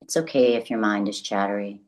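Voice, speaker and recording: Guiding a meditation, a woman speaks in a remarkably deep, low voice. She talks slowly and gently, letting long silences fall between phrases, and her guidance feels calm and soothing.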